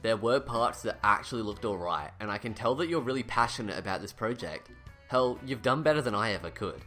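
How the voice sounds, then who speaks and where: This voice-over, set over music, comes from a man reviewing videos in a scripted, critical piece, and his s slides into a slushy sh because of a lisp. His voice sits on the low side yet sounds pushed and bright, with lively intonation and a fairly quick pace. The delivery is blunt, sarcastic and sweary, now and then self-deprecating.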